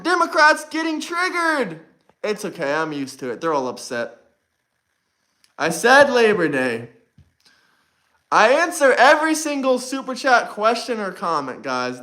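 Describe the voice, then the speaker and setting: A man's voice: high voice, sharp tone. A young man hosting a livestream, chatting casually and brashly to his viewers, repeating himself often. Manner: brash, repetitive, talks straight to chat. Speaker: livestream host.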